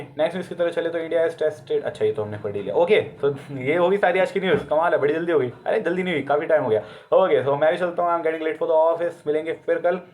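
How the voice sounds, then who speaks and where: Speaking in a slightly high, slightly mellow voice, an Indian-accented man with a sore throat walks exam students through current affairs. His style is casual and chatty, switching between Hindi and English and self-correcting along the way.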